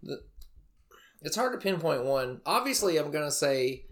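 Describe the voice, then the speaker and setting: A man's voice: fairly high pitch, sing-song, moderate pace. A young man co-hosting a podcast in casual chat, joking and laid-back, swearing freely. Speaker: podcast co-host.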